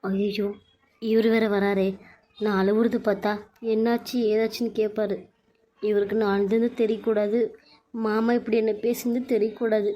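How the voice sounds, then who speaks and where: A woman voicing a meek, tearful young wife with a Bangalore Tamil accent, speaking softly and respectfully in a cartoon serial. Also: mid-range voice, flat delivery, moderate pace, natural voice. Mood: hurt, hiding. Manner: soft, pleading, respectful.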